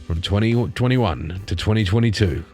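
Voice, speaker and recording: A man's voice: lowish voice, normal speed, a little mellow, slightly rough. A man hosting an informal news commentary on memes, rambling along in a casual, sardonic way. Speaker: host of a satirical news commentary channel. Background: music.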